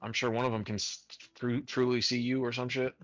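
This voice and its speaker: A man's voice: medium pitch, little pitch movement, a little fast, no room sound, soft background music. A man at a tabletop game pushes back on his friends' plans with blunt skepticism. He swears casually and talks plainly. The sound is close and dry. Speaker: player.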